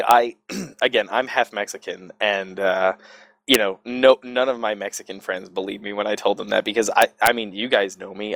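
Low-voiced American man in halting chat. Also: fairly bright tone, dry recording. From Southern California, US. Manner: halting, repetitive, profane. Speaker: podcast co-host. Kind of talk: casual, unscripted chat about video games.

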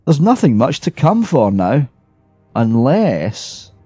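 A man's voice: medium pitch, sing-song, slow, dark tone, husky, no room sound, faint music behind, heavily acted. Weary old-style ghost guy complaining, a man doing it in a storybook reading, dry close sound. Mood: friendly. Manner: grumbling complaints, then friendly. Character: weary grumbling male ghost, sociable but bitter.

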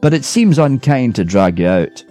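A man's voice: medium pitch, very animated, moderate pace, mellow, faint music behind, natural voice. A man reading a story aloud, voicing a weary, grumbling male ghost who is sociable but bitter. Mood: polite. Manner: grumbling complaints, then friendly.

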